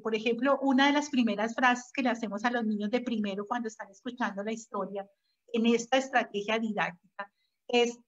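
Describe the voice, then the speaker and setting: A woman, a preschool teacher explaining her ideas in an interview and telling anecdotes from her classroom. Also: a little high. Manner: explanatory, uses personal anecdotes. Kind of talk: conversational interview. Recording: dull lo-fi audio.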